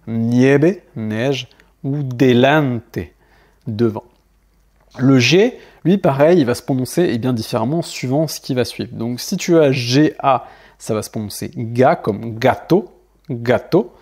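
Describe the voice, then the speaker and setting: A man giving an online language lesson, hesitating often and repeating example words slowly and carefully. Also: medium pitch, darkish tone. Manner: hesitant, many fillers, slow careful word repetitions. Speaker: Spanish teacher.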